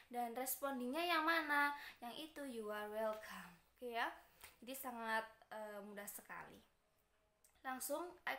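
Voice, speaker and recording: A woman with an Indonesian accent teaching an English lesson, patiently explaining and reading example phrases slowly and clearly. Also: high voice, pushed and bright, reverberant. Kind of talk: recorded online lesson.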